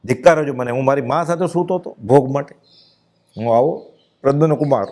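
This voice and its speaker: A man with a Gujarati accent giving a devotional discourse, chanting verses slowly and then explaining them in plain speech. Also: mid-range voice, darkish tone. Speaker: spiritual discourse speaker.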